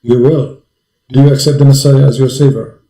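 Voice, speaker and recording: A man's voice: medium pitch, steady tone, fairly quick, warm tone, roomy sound, low-quality recording. A man preaching to a caller with great passion. He fires off repeated rhetorical questions and speaks English with non-native grammar.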